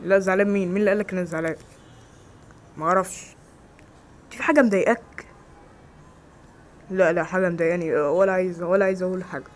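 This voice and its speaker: A man with an Egyptian Arabic accent acting several everyday roles in a homemade skit, with quick, exclamatory lines. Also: sits high, fairly even intonation, faint music behind, natural voice. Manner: quick, loud, exclamatory dialogue. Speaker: amateur actor.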